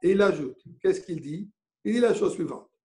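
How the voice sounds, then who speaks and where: A man's voice: high-pitched, expressive, moderate pace, dark tone. A man giving a Torah lesson as a rabbi, telling a story and answering his own questions, with Hebrew terms mixed in. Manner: mixes Hebrew terms into French.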